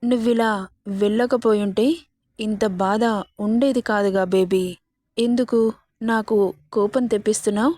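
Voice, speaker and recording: A woman's voice: medium pitch, fairly even intonation, a little slow, pauses often, warm tone, no echo, studio quality, natural voice. A woman reading as a cruel, possessive young rich man. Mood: menacing. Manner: threatening, possessive.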